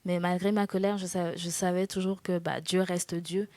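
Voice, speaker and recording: Woman in her twenties, interview guest, earnest, hesitant, soft laughs, slightly low pitch. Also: level tone, moderate pace, no room sound. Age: 20s. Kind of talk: personal testimony interview.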